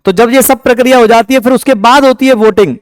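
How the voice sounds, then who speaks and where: High-voiced Indian tutor quizzing his class. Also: fast talker, smooth, no room sound, clean studio sound. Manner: asks the class questions and answers them himself, scolds a student. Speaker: teacher. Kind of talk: exam-prep lecture.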